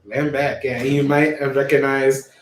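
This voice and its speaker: A man's voice: medium pitch, little pitch movement, unhurried, a little hiss or hum. A man hosting a casual livestream, loose and informal, laughing often as he talks. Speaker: show host. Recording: echoey room.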